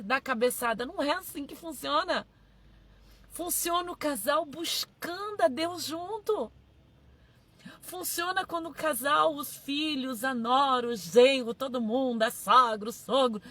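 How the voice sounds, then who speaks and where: A woman's voice: high voice, bright, forceful tone. A woman pastor, preaching a sermon emphatically, repeating her phrases and calling out to her listeners.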